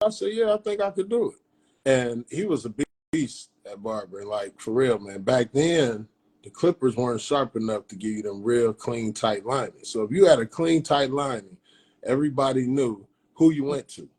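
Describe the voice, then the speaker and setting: A man, telling stories casually in a slangy, animated way. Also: medium pitch, normal speed, husky. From Peoria, Illinois, USA. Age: 50s. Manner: animated retelling with acted-out dialogue, slangy. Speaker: barber telling his story. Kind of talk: casual storytelling in an interview.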